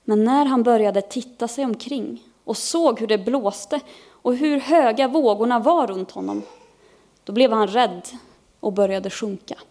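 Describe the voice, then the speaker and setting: A woman pastor preaching in a church service, reading a children's Bible story aloud with expressive storytelling. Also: fairly high pitch. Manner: expressive storytelling, lifting her voice for characters' cries.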